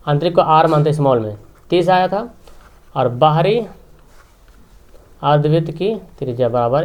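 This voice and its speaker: A man with a somewhat high voice walks through a maths problem step by step as he writes. He speaks in plain teaching tones and keeps checking in with short tag questions, pausing and restarting between steps. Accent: Hindi regional, Bihar. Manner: talking while writing, frequent tag questions. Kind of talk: explaining maths at a board.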